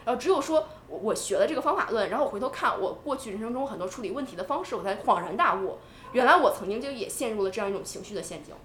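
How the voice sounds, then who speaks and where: Fast, animated woman in an echoey room. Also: on the high side, a little hiss or hum. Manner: animated, talks in quick bursts with restarts. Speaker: podcast co-host. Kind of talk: casual podcast chat.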